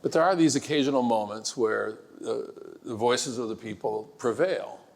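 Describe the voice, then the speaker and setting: A man on a panel, speaking in a measured, frank way with some restarts. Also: mid-range voice, creaky. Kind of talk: panel discussion. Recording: echoey hall with long reverb.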